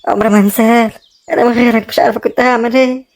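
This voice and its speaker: Woman doing an egyptian sister all guilty and thankful, fast talker, higher voice. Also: fairly even intonation, a little mellow, lightly acted. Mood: pleading. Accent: Egyptian Arabic. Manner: pleading, apologetic. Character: grateful, guilt-ridden younger sister about to marry. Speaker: actor in a web drama.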